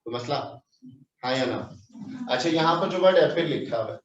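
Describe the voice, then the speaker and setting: A Pakistani English teacher gives a classroom grammar lesson in Urdu mixed with English phrases, peppering his students with questions. His voice is on the high side with lively intonation and a slightly fast pace; the online class audio sounds dull, roomy and distant, with a little hiss or hum.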